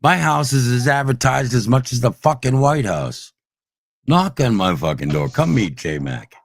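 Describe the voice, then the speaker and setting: A man in a heated, profane livestream rant at online trolls, swinging between shouting and low growls. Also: lively intonation, measured pace, gravelly. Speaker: streamer ranting at online trolls.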